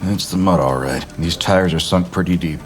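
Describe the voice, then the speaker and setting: A man voicing a nervous male foreman who speaks hesitantly and quietly. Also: deep voice, normal speed, faint music behind, close to an everyday voice. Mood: uneasy.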